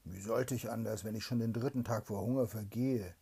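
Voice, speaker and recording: A woman's voice: a bass voice, brisk, creaky, dark tone, breathy edge, full character voice. A woman voicing a hungry runaway soldier in a bedtime fairy tale, lamenting in her own plain reading voice.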